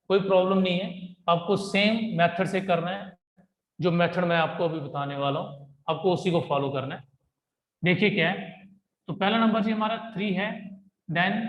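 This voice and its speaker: A young man teaching a math lesson in a chatty way, often checking in with his students. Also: high-pitched. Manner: chatty, repeats "ठीक है जी" and "भाई". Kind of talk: classroom-style math lesson. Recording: echoey room.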